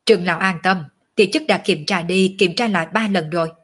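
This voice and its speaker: A woman voicing a respectful male underling who reports to an elder, in her own husky voice. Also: fairly low pitch, fairly quick. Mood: reassuring. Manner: respectful, assured.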